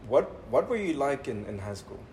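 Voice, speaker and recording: A man's voice: medium pitch, very animated, normal speed, a little mellow. A man hosting a casual interview, chatty and laughing easily. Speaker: interview host. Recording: noisy room ambience.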